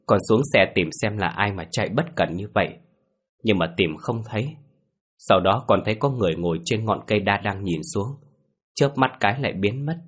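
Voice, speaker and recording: A man voicing a frightened young village father who shouts and talks in a shaky voice, from a spoken ghost story. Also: on the low side, husky. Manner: shouting, then shaky and panicked.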